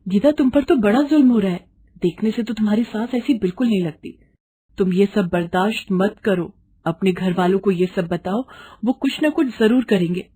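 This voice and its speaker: A woman voicing a friendly young female friend who speaks with lively concern in a storybook reading. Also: medium pitch, moderate pace, slightly rough, close to an everyday voice.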